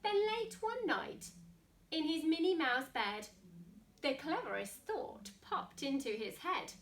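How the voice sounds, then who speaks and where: A woman reads a picture book theatrically to young children, adding asides and asking her listeners questions. Her high voice is very animated but slow, and she sits far from the mic in an echoey room.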